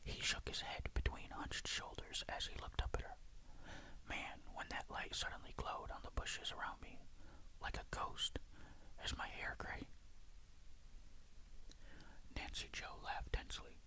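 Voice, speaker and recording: Hushed, suspenseful whispering storyteller. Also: a little slow, pauses often, poor audio. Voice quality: breathy unvoiced whisper. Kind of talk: whispered ASMR reading of a ghost story.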